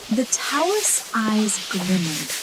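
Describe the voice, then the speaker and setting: A woman tells a sleep story in an ASMR whisper. Her delivery is very slow, yet the pitch moves about in a lively way. Clear night ambience with crickets sits behind her voice. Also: noisy background. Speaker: storyteller narrator.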